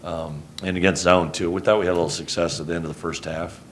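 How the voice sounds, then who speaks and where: A middle-aged man from Houston, a head basketball coach, answering reporters after a game in a rambling, self-correcting, low-key way, speaking into a table mic in a press conference room. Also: steady tone, fast talker, a little hiss or hum. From Houston, Texas. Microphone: table mic on a stand.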